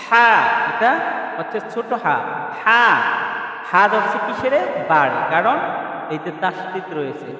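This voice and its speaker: A man teaching Quran reading, chanting letter sounds slowly and asking his students questions as he explains. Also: high voice, very animated, sharp tone. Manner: slow and drawn out, chants letters and asks rhetorical questions. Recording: very echoey room, from far off the mic.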